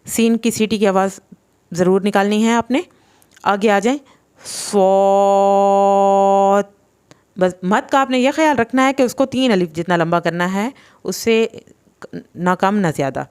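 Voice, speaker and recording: A woman teaches Quran recitation rules. Her voice is smooth and clear, at a middle pitch. She explains patiently and draws each letter sound out slowly. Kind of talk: tajweed lesson.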